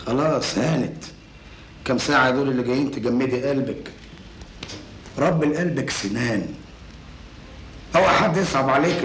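A cocky, scheming crook, played by a man with an Egyptian Arabic accent who talks fast and brags in an old Egyptian film. His voice sits at an average pitch. The soundtrack is echoey with faint hiss. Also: natural voice. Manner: cocky, boastful. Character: scheming, boastful male crook. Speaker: actor in a film. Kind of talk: 1980s Egyptian film acting.

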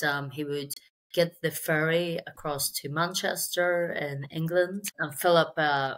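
A middle-aged Belfast woman, a sales executive, recounts her career conversationally as an interview guest over a video call from an indoor room. She adds wry, self-deprecating asides in a voice that sits low. The audio quality is poor.

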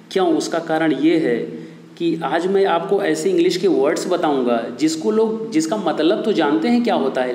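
A man's voice: fairly high pitch, a little mellow. A man teaching an online English pronunciation lesson, who addresses viewers as his children and friends, asks himself questions and repeats each answer. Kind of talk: online video lesson in Hindi. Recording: echoey room with long reverb.

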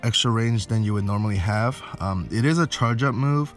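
A gaming video host records a voice-over on game footage indoors, with game music behind him. His voice is on the low side and at normal speed, and he walks through the game casually, explaining and thinking aloud.

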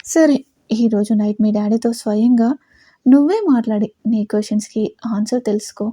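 A domineering young man, stern and commanding, who drags out his words, as a woman storyteller plays him. The voice is dark and husky, recorded dry and close. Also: fairly high pitch, normal speed, no echo, close to an everyday voice. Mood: stern anger. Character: possessive young man, domineering and short-tempered.

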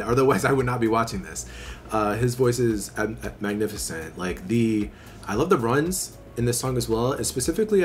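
A man's voice: fairly low pitch, a little hiss or hum. A middle-aged man casually chatting his reactions as a video host, enthusiastic and full of fillers like "like" and "uh". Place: small home studio with neon light.

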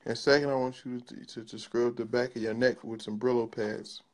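A man's voice: medium pitch, level tone, moderate pace, a little mellow. A man hosting a casual video call chat, joking and teasing his callers with crude banter. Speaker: host.

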